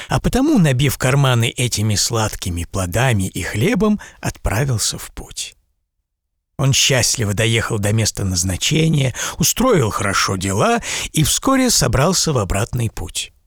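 A man reading a fairy tale aloud, storyteller style, in an expressive, animated way. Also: mid-range voice, husky, no room sound, clean studio sound.

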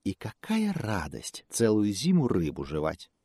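A man's voice: fairly low pitch, huge pitch swings, a little slow, mellow, husky, dry recording, clean studio sound, heavily acted. A man voicing a sly female fox who talks in a coaxing, mocking way.

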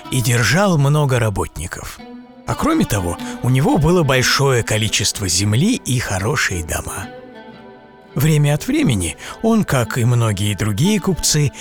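A man reading a fairy tale aloud, storyteller style, in an expressive, animated way. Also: mid-range voice.

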